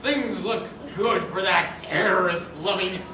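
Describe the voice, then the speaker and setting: A smug partisan news anchor, played by a man sneers through a mock-solemn report. His voice is high and bright. It echoes from a distant mic on a noisy stage. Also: a little slow, heavily acted.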